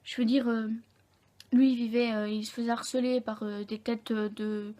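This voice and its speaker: Talking to camera, a young woman recounts something personal for her vlog, her slightly high, soft, mellow voice showing little pitch movement. She is candid but halting, often pausing to correct herself.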